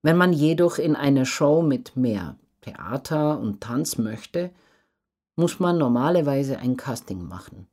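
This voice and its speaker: A professional circus acrobat is the guest here, a woman whose voice sits very low. She replies to the interviewer at a slow, earnest pace, with animated pitch movement, laying out her ideas clearly.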